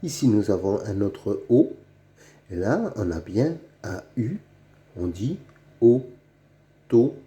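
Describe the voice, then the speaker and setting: A man's voice: lowish voice, sing-song, slow pace, mellow. A man giving a reading lesson for children, saying each word twice and spelling out its sounds letter by letter. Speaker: reading teacher.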